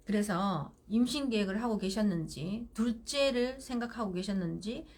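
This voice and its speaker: A woman's voice: mid-range voice, normal speed, a little mellow. A middle-aged woman hosting live parenting advice, speaking firmly and directly and acting out parent-child exchanges. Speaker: parenting counselor.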